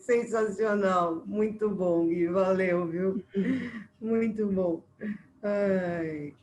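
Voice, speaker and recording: A woman's voice: mid-range voice, steady tone, extremely slow, a little mellow. A woman with a Brazilian Portuguese accent hosting a casual interview, asking encouraging questions. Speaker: interview host.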